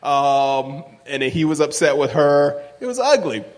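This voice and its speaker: A man with a loud, projecting voice, telling a personal story on stage and acting out the dialogue. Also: fairly high pitch, a little slow. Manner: animated, acts out dialogue in raised voices. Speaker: live storyteller. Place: stage in a large hall. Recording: live recording with long hall reverb.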